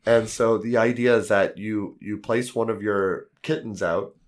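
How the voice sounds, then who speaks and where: A man with a lowish voice hosts a casual podcast. His voice is shot and hoarse, as if worn out from yelling. He talks in a loose, conversational way. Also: fairly even intonation, a little slow. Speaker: board game podcast host.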